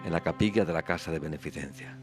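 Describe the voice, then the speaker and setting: A man's voice: rumbling low, quick pace. A man commentating on a religious broadcast of a Mass. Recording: loud music under the voice.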